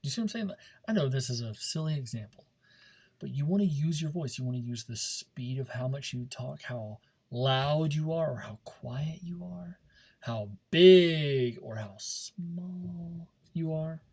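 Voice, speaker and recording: In this informal recorded speech lesson, a man talks straight to his students in a slightly high, somewhat mellow voice with a breathy edge and lively intonation. He takes his time, driving home key points emphatically and demonstratively by stressing and repeating important words.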